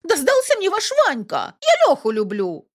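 A woman reads an audiobook, voicing a young girl who is pleading and defiant. Her medium-pitched, expressive delivery moves at a moderate pace, pitched above her own voice yet close to an everyday one.

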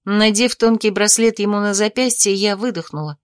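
A woman narrating a first-person audiobook in a steady, even reading voice. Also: mid-range voice, moderate pace, no echo, clean studio sound.

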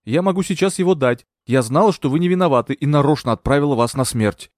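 A man voicing a scheming, sharp-tongued young woman in an audiobook, with a raised, mocking voice. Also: a little high, expressive, fast talker, no echo, clean studio sound, voice pushed up, lightly acted. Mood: cold.

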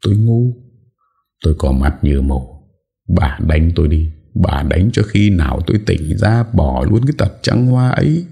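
Man voicing an old lord, remorseful, weary, pleading, very deep voice, storybook. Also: animated, measured pace, vocal fry, mellow, breathy edge, heavily acted. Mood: sobbing. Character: aging lord, broken, weepy and remorseful.

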